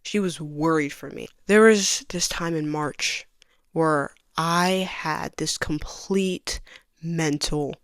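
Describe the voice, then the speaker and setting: A young woman telling her personal story in a soft, halting voice that often sinks to a near whisper. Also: sits low, dry recording, studio quality. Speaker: vlogger giving a personal testimony.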